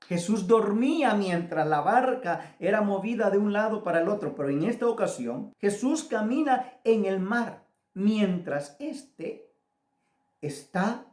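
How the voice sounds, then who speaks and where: Slow, deliberate Guatemalan man preaching. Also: sits high. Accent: Guatemalan Spanish. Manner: deliberate, addresses listener directly. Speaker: pastor. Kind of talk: devotional sermon. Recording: roomy echoey room.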